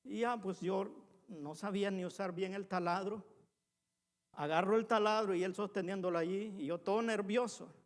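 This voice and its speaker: A man's voice: high-pitched, steady tone, moderate pace. A male pastor preaching a sermon in a church, talking earnestly and conversationally, weaving in personal stories and addressing the congregation as brothers. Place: church sanctuary. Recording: long hall reverb.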